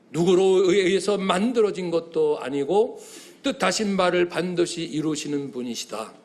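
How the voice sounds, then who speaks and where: Animated preaching man, lively high voice. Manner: animated preaching, acting out young people's cries to God; swings between loud exclamations and quiet asides. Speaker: pastor. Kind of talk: sermon.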